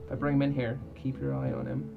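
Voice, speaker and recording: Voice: medium pitch, little pitch movement, quick pace, creaky, phone-quality sound. A tabletop game player improvising in character casually, with a dry, joking, reassuring manner. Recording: music playing behind the voice.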